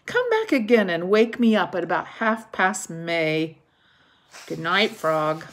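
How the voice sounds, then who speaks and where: Brief: a drowsy, grumbling storybook toad, as a woman reader puts him on, slow and unwilling. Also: on the low side, very animated. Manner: drowsy reluctant replies. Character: sleepy grumpy male toad.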